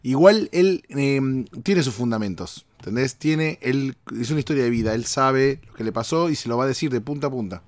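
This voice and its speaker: A man with an Argentine accent hosting a podcast from a hotel room, hoarse and rambling playfully as he talks straight to his listeners. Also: medium pitch, lively intonation, moderate pace, few pauses, no room sound. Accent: Argentine Spanish. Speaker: podcast host. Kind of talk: casual comedic monologue.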